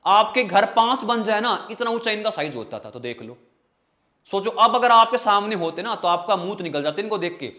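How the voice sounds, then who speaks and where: A man's voice: high-pitched, lively intonation, pushed and bright. A man teaches English vocabulary in an online lesson. He jokes with his students, calls them brother and child, and drags out each spelling one syllable at a time. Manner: playful, jokey, drags out spellings slowly syllable by syllable; calls students "bhai" and "beta". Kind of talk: online exam-prep lesson.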